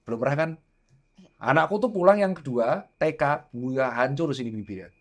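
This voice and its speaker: Animated storytelling man, casual chat. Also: medium pitch, normal speed. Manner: animated storytelling, acting out quoted dialogue. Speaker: guest doctor and father.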